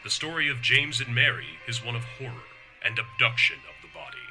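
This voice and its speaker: A man's voice: medium pitch, expressive, fairly quick, close to an everyday voice, low-quality recording. A man playing the ominous, dramatic narrator of a retro sci-fi horror tale, with music behind him. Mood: ominous, foreboding. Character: ominous male narrator of retro eerie tales.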